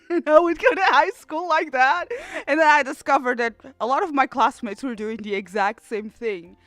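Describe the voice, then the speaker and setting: Woman from Portugal, streamer, high voice, crisp, headset, laughs and swears, casual chat. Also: moderate pace, no room sound. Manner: animated, laughing, swearing freely. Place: cold room at home.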